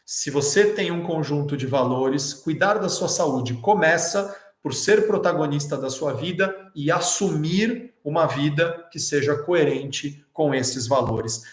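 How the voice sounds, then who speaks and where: A man giving a motivational lecture to an audience, animated, with rhetorical questions and direct address. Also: on the high side, reverberant.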